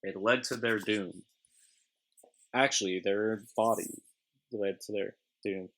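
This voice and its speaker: Low-voiced man ranting about games. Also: fairly even intonation, takes it slowly, fairly bright tone, slight background noise, poor audio. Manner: ranting, sings along jokingly. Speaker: gaming podcast co-host. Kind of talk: casual gaming chat.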